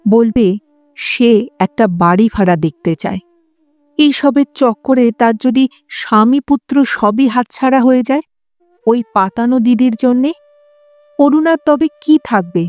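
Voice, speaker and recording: A woman narrating a literary story as an audiobook in a measured storytelling manner. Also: on the high side, darkish tone, dry recording.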